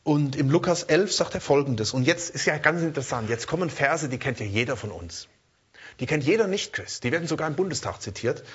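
A man preaching a sermon in a lively way, often checking in with his listeners and repeating words as he searches for the next one. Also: fairly high pitch, brisk, breathy edge, dull audio.

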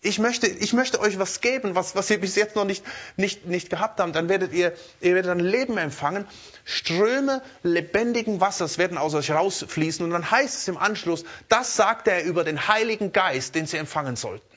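A man preaching a sermon in a lively way, often checking in with his listeners and repeating words as he searches for the next one. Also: sits high, moderate pace, muffled recording.

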